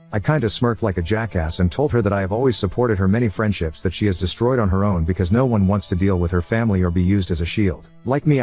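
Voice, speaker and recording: A man reads online stories aloud at a quick clip, keeping a brisk, steady storytelling pace. His voice sits a little low and has a husky edge. Soft music plays faintly behind him. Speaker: narrator.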